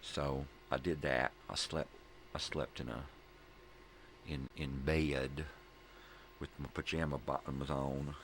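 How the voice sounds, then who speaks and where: Speaking slowly with long pauses, this middle-aged host of a daily morning vlog rambles through a casual chat in a relaxed stoner drawl and keeps repeating himself. His extremely low voice barely moves in pitch but carries a fairly bright tone, over noticeable background noise.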